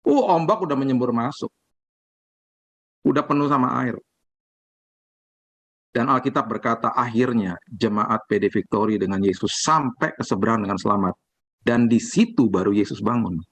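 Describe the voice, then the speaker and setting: A man, a pastor, preaching a sermon in colloquial, lively storytelling style. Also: medium pitch, normal speed, long pauses, no room sound. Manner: colloquial, animated storytelling, acts out quotes.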